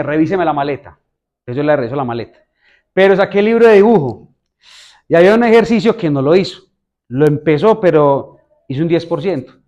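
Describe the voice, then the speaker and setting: A man's voice: on the high side, darkish tone, dull audio. A man preaching a sermon in a conversational way, often asking the audience questions. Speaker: pastor.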